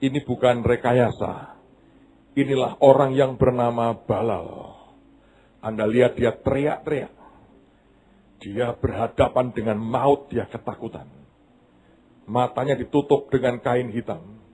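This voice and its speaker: Male pastor, sermon storytelling, mid-pitched voice, dramatic, loud then hushed. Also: steady tone, measured pace, long pauses, slight background noise.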